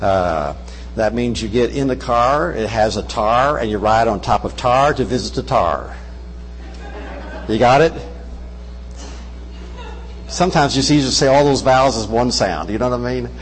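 In a large church hall, a medium-pitched older man delivers a sermon at normal speed, leaving long pauses; the recording is rough with a little hiss or hum. A visiting missionary who grew up in Brazil, he has a Kentucky accent, uses a wireless mic, and preaches folksily with jokes on the side.

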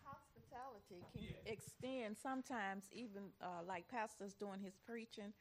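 A woman speaking up in a group Bible discussion, halting as she searches for her words. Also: medium pitch, a little hiss or hum. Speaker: Bible study participant. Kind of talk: spontaneous group discussion comment.

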